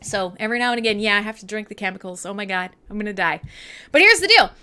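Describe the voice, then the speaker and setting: Fast and smooth in a mid-range voice, a woman in her thirties with a Canadian accent runs a radio show full of casual, irreverent banter with listeners. She swears, stays sarcastic and animated, and laughs a lot.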